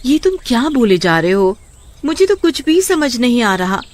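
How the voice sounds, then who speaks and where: Woman voicing a cartoon village wife, excitable, scolding, shrill, high-pitched. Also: moderate pace. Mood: excited. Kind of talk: cartoon voice acting.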